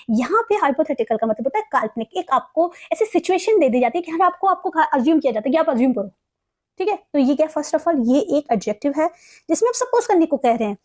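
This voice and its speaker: A young Indian woman teaching English vocabulary, explaining meanings and reading example sentences slowly and carefully. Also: high-pitched, a little mellow. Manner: mixes Hindi explanation with slow, carefully read English examples. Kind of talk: explaining word meanings in a lesson.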